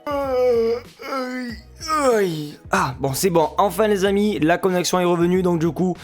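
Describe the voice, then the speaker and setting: A French man with a high, slightly quick voice and a French accent walks viewers through a football pre-match analysis, jokey and chatty. He's a football fan YouTuber and Twitch streamer, with faint music playing behind him.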